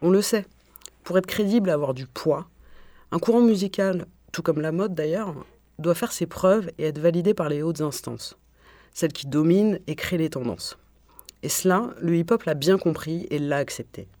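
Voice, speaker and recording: A man reading an opinion column on the radio in a measured, rhetorical way, with a few restarts mid-sentence. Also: a little high, darkish tone, no echo, clean studio sound. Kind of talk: read-aloud opinion column.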